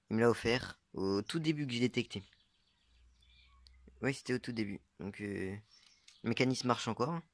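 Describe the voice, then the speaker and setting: A young man casually showing his metal-detecting finds, talking hesitantly with many fillers and unsure asides. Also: lowish voice. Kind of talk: casual show-and-tell vlog.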